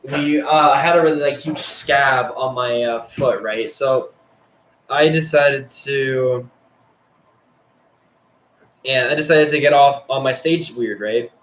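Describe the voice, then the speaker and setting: A man's voice: medium pitch, slow, long pauses, a bit bright, reverberant, low-quality recording. A teenage male telling crude, rambling stories about school, heavy on swearing and filler words. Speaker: storyteller. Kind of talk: casual storytelling.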